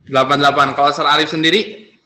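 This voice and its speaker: Bright-voiced teen boy hosting a podcast. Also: on the high side, fast. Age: teens. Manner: relaxed, hesitant with fillers. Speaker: student podcast host. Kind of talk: casual podcast chat.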